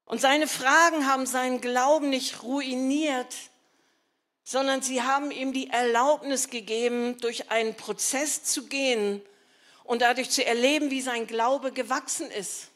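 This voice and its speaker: A woman's voice: high-pitched, steady tone, unhurried, fairly bright tone. A woman preaching a sermon in an earnest, emphatic, conversational way, with rhetorical asides to the congregation.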